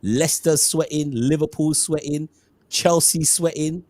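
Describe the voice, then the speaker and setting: A man's voice: on the high side, fairly even intonation, a little slow, a little mellow, no room sound. A man hosting a casual football chat, laid-back and teasing, drawing out his reactions. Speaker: podcast host.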